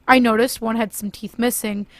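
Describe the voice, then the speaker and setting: Casting: female horror narrator, fairly high voice, dry close sound. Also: fairly even intonation, moderate pace, no echo.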